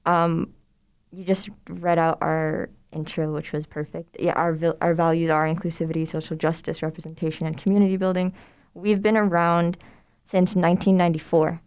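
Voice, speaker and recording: Appearing as a podcast guest, a young Somali woman who heads a student club speaks at a moderate pace in a smooth, fairly low voice. Friendly and at ease, she explains things at length with fillers, in a room shared with other people.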